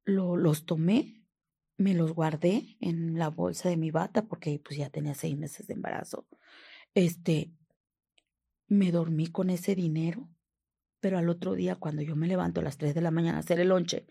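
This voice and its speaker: A woman with a northern Mexican accent giving personal testimony, halting and often sinking to a whisper. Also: low-pitched, gravelly, slightly rough. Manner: hushed, often dropping to a whisper, frequent tag questions; halting, with repeated restarts.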